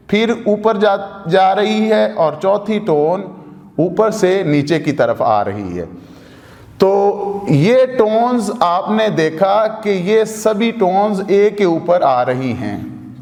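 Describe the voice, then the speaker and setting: A man with a Pakistani Urdu accent gives a slow, patient language lesson, repeating each sound to demonstrate it. His voice sits high, and the recording rings in a roomy space with a long tail of reverb. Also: a little mellow. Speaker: language teacher. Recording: echoey room with long reverb.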